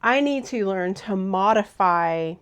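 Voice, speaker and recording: A woman with a hoarse, froggy voice talks casually through a cozy knitting vlog. She rambles in a friendly, chatty way, pitched at an ordinary middle range for a woman. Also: lively intonation, slow. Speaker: knitting vlogger.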